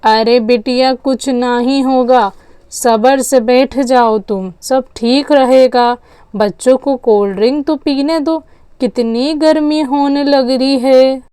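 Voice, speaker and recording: A woman voicing an elderly grandmother in a doll story, speaking slowly and soothingly. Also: steady tone, dark tone, smooth, no room sound, clean studio sound. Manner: slow, soothing, low-voiced. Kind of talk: storytelling with dolls.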